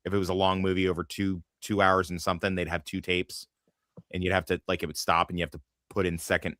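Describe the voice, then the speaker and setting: A man with a fairly low voice hosts a loose panel chat, swearing and rambling between laughs. His tone is bright and forceful, and the sound is dry and close. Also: level tone, fast, no room sound. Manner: profane, rambling, laughs often. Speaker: podcast host.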